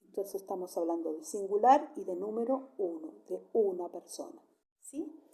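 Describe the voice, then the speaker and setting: A woman teaching a Spanish grammar lesson, patiently checking in with a rising question and repeating example sentences slowly. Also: mid-range voice, expressive, warm tone. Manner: affectionate sign-off with a kiss.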